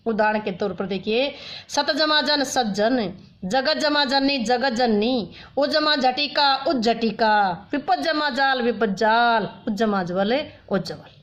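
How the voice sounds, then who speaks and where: A woman's voice: sits high, slow, fairly bright tone. A woman teacher explaining grammar rules step by step, repeating each rule with worked examples. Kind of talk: grammar lesson. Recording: dull lo-fi sound.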